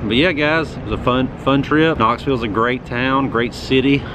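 A man's voice: mid-range voice, normal speed, noisy background. A man in his thirties chatting casually into a phone camera held at arm's length, in an upbeat, rambling way with plenty of fillers. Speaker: vlogger. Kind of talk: casual travel vlog. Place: outdoors on city streets and in a car.

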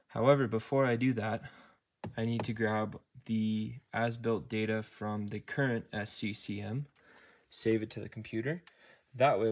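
In this step-by-step how-to, a DIY car tutorial creator walks viewers through fitting a steering wheel module in his truck, recording on his phone mid-task. His voice sits lowish, and he stays calm, slow and methodical, dropping in some near-whispered asides.

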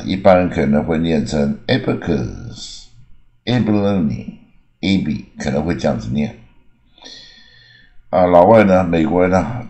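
Very deep-voiced man teaching. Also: warm tone. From Taiwan. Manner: frequent "啊" fillers, slow drawn-out demonstrations. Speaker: English teacher. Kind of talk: explanatory lesson, Mandarin mixed with English examples.

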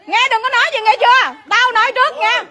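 A woman's voice: very high voice, fairly even intonation, quick pace, very noisy. A woman scolding a neighbor in a heated outdoor argument, repeating and cursing. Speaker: neighbor in a quarrel.

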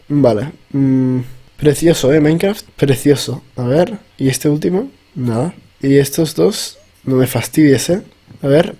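Young man, Spain Spanish accent, gameplay chatter, exclaiming, slightly high pitch, warm tone. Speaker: gaming youtuber. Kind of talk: casual gameplay commentary.

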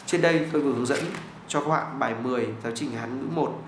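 Man teaching slowly in echoey room. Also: mid-range voice. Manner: slow, deliberate repetition of phrases for learners to follow. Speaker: Chinese language teacher. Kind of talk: language lesson with read-aloud drills. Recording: roomy echo with faint background hiss.

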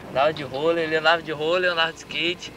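A man's voice: on the high side, steady tone, rapid-fire. A young Brazilian man chatting casually in offhand slang, recorded outdoors on a home VHS camcorder tape. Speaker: skateboarder. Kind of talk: casual chat. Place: outdoors on concrete steps, open air. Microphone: camcorder microphone. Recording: windy, noisy 1990s VHS camcorder tape.

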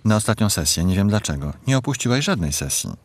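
Woman, film voice-over reader, extremely deep voice, lively pitch, reads every part herself. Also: fast, slight background noise. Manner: reads every character's lines in her own voice. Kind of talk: Polish film voice-over reading.

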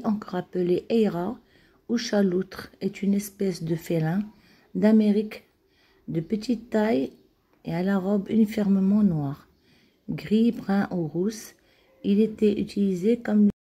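A woman narrates a scripted documentary in a steady reading voice. Her tone is warm and mellow rather than bright. The recording is dry and close. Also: mid-range voice, measured pace, slightly rough, no echo. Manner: steady reading with occasional slips. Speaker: narrator of a documentary-style video.

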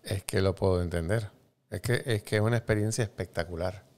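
A man's voice: low voice, a little fast, a little mellow. A man hosting an interview, answering his guest with brief affirming remarks. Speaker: interview host. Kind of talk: interview reactions.

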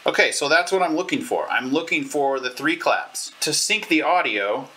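With a noisy background behind him, a YouTube tutorial presenter in his thirties demonstrates and explains a how-to in a casual, stop-and-start way. He sounds animated, with a fairly high pitch and a moderate pace, recorded through a clip-on lavalier or camera mic.

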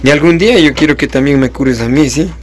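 A man's voice: fairly high pitch, fast talker. A man talking casually and encouragingly to a child, in an affectionate manner. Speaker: aid campaign presenter interviewing a child.

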